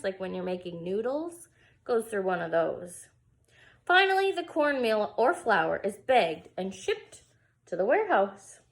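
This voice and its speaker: A preschool storyteller reads a picture book aloud to young children, her medium-pitched, creaky voice expressive and sprinkled with casual asides.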